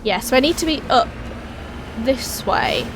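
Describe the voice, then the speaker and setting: Hoarse with a cold, this raspy-voiced woman hosts a let's play, thinking out loud in chatty gameplay commentary. Her voice is high-pitched and her pace a little slow, with steady game engine noise running beneath her.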